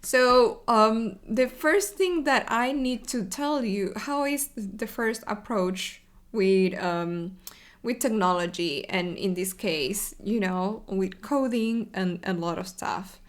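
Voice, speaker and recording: A young woman with an Argentine Spanish accent hosting a video podcast, telling her personal story in an unhurried, friendly way with many ums and restarts. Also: mid-range voice. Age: young adult. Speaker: video podcast host, web developer advocate. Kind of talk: casual personal storytelling to camera.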